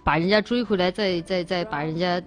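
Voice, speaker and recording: A woman's voice: lowish voice, brisk, faint music behind. A woman hosting a livestream, chatting playfully with her viewers and teasing them. She stammers and restarts, thanks donors and reads out their messages. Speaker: livestream host. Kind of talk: casual chat with viewers.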